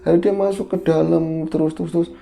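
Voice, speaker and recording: Gravelly man telling a horror story. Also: fairly high pitch, flat delivery, quick pace, warm tone, soft background music. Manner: conversational, leads the story and checks in with his co-host. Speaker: podcast co-host, storyteller.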